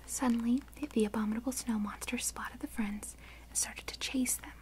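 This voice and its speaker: Lady whispering a kids' story asmr style, breathy and soft, little bit high. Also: fairly even intonation, moderate pace. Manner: soft unvoiced whisper throughout. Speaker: reader.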